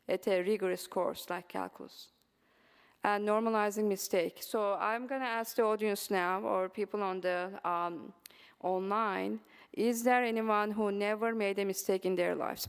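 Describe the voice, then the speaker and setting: In a symposium hall with a long reverb tail, a Turkish woman with a Turkish accent gives an earnest, encouraging conference presentation on teaching. Her mid-range voice is steady, clear, resonant and a bit creaky, her pace slightly slow, and she uses frequent ums and uhs.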